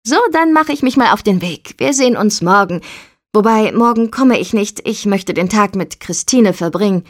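A woman's voice: medium pitch, expressive, moderate pace, lightly acted. A woman voicing a sarcastic, defiant young woman who argues stubbornly in a story. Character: sharp-tongued defiant young woman, boat builder's daughter.

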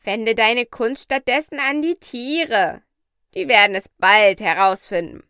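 A woman voicing a proud, bossy female parrot in a storybook reading, speaking slowly and emphatically. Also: on the high side, bright, forceful tone, smooth, dry recording, clean studio sound. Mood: insistent. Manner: slow, emphatic, lecturing.

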